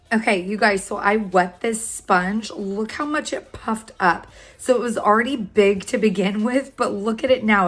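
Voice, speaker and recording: A woman's voice: medium pitch, fairly bright tone. Bubbly woman gushing over makeup. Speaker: beauty vlogger. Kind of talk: makeup unboxing and tutorial.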